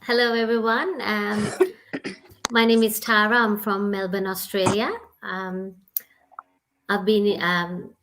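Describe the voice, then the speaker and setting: A woman from Sri Lanka introducing herself on a video call, friendly and brisk. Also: medium pitch, level tone, background noise. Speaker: panel guest.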